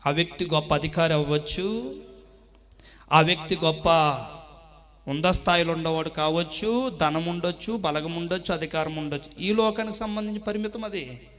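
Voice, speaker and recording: A man preaching a sermon with passion, swinging between hushed words and loud exclamations. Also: fairly high pitch, moderate pace, long pauses. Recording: echoey hall reverb.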